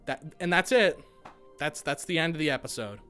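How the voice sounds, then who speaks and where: Man, young adult, high-pitched, smooth clear voice, exasperated profane rant, casual review. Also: expressive, moderate pace, bright, forceful tone, soft background music. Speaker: animation reviewer.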